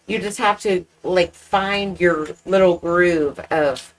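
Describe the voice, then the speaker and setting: A woman's voice: fairly low pitch, slow pace, poor audio. A woman interviewing in a casual, chatty and agreeable way. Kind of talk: casual chat.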